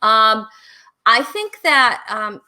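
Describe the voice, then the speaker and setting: Bright, high-voiced woman hosting a chat. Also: lively intonation, extremely slow. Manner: laughs often, reads viewer comments aloud. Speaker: host. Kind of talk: casual live-stream chat.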